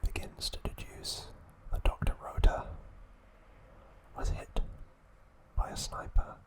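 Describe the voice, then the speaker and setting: An ASMR video host whispers a recap in short, hushed phrases, pausing between each one.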